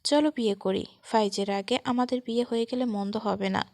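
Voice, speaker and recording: A woman voicing a teasing young man, cocky, soft and calm, gravelly voice, dry close sound, storybook. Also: on the high side, brisk, no room sound, close to an everyday voice.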